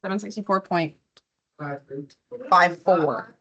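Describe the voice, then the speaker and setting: A woman's voice: lowish voice, slow, fairly bright tone, muffled recording. A woman math teacher who is losing her voice from illness, walking a classroom through problems step by step and quizzing students as she goes. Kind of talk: classroom lesson.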